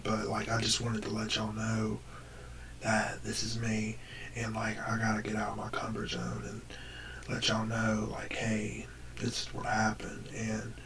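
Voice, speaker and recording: A young American man tells a personal story to the camera, casually and with some hesitation. His deep voice sounds damaged and sinks into breathiness. The microphone is distant and the recording noisy.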